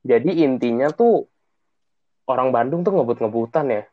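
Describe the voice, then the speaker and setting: A man's voice: medium pitch, lively intonation, moderate pace, no echo, phone-quality sound. A man, co-hosting a podcast in laid-back casual chat. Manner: brief, laid-back interjections. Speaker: podcast co-host.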